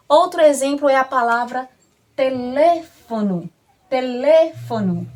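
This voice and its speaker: A woman with a Brazilian Portuguese accent teaching a language lesson, explaining slowly and carefully and drawing out the example words. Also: high-pitched. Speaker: Spanish teacher. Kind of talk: classroom lesson.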